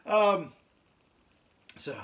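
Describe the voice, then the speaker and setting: A man's voice: very slow, a bit bright. A young adult man giving a casual economics lesson from his home, folksy and joking, with lots of fillers and restarts. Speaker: teacher.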